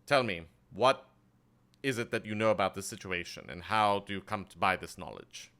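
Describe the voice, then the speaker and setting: Guy playing a stern old-school general, formal and clipped, bright clear voice. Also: on the low side, moderate pace. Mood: commanding. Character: stern veteran male general, formal and weary.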